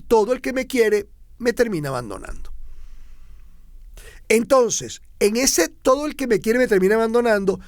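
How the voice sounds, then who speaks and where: A man's voice: high voice, darkish tone, no room sound, studio quality. A middle-aged Venezuelan man with a Venezuelan accent hosts a motivational talk, emphatic, repeating and stretching key words for effect. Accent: Venezuelan Spanish. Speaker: motivational speaker and host.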